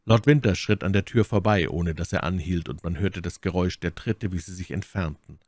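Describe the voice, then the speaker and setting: Low-voiced male audiobook narrator. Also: darkish tone, no room sound, clean studio sound. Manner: measured, storytelling. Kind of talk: scripted narration.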